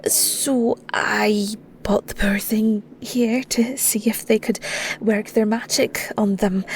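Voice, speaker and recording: A woman with a Scottish accent voices a shy, flustered young werewolf shepherd in an intimate audio roleplay. Her soft, breathy voice is fairly high, and she stammers, giggles and hesitates awkwardly.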